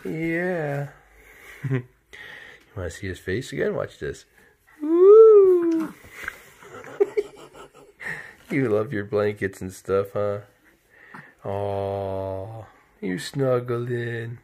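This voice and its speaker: A man's voice: on the low side, takes it slowly, pauses often, darkish tone, slight background noise. A father speaking baby talk to his infant son, doting and sing-song, repeating words over and over.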